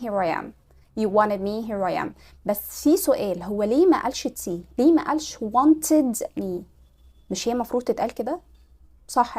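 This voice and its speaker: Fast-talking Egyptian woman teaching English. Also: on the high side, darkish tone. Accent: Egyptian Arabic. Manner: coaching, quizzes the listener and repeats example words slowly. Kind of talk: spoken language lesson.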